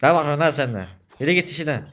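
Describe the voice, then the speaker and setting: A man with a Turkish accent in a game role-play, complaining with a frustrated, quick temper. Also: on the high side, expressive, fairly bright tone.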